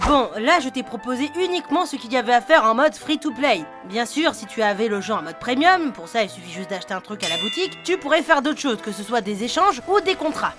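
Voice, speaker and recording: A woman hosting and narrating a scripted game review in a chatty voice, talking straight to the viewer. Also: fairly high pitch. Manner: chatty, addresses the viewer directly. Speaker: YouTube host and narrator. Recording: narration with music bed. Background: music.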